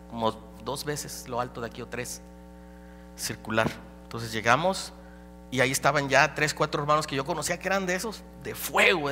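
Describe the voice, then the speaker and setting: A man preaching a dramatic personal testimony as a pastor, swinging between loud and hushed. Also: mid-range voice. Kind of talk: sermon testimony. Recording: live hall recording with reverb and hum.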